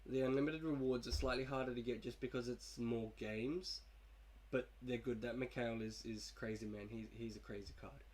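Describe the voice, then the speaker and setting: Sick with a cold and coughing, a young man loosely talks through his video game team for his gaming channel. He speaks at a moderate pace in a medium-pitched, darkish voice with fairly even intonation.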